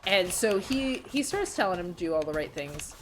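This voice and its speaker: A woman streamer chatting casually while she plays a game, rambling excitedly and swearing freely. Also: on the low side, moderate pace, noisy background. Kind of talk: casual live-stream chat while gaming.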